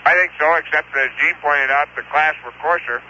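A man describes rocks over a muffled radio channel, stopping and restarting as he thinks aloud. His voice sounds very bright and tense, with a faint hiss under it. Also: a little high. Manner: halting and hesitant, many fillers and restarts. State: talking while eating. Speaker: field geologist reporting over radio.

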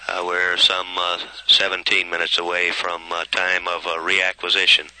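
A man giving live spaceflight commentary as a mission control announcer, halting with very frequent pauses and uhs. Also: deep voice, monotone, pushed and bright, a little hiss or hum, poor audio.

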